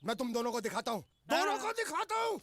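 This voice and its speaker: An actor playing a blustering, threatening household manager in a film comedy. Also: male voice, high voice, a little fast, fairly bright tone, a little hiss or hum.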